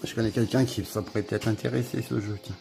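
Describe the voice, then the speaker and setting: Male tech vlogger, deep gritty voice, laid-back rambling review, music under him. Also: fast talker, vocal fry. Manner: relaxed, rambling, filler-heavy commentary. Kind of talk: casual product review.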